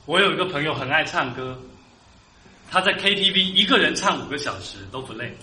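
Man, pastor, sermon, earnest, emphatic, slightly high voice, faint room hum. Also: lively intonation, a little fast, bright, forceful tone, roomy sound, poor audio. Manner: earnest preaching, rising to emphatic peaks.

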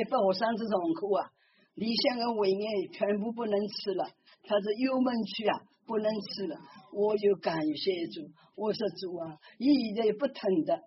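A woman's voice: mid-range voice, a little hiss or hum. An older woman with a Ningbo accent giving a fervent church testimony, often repeating phrases of praise. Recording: dull lo-fi recording.

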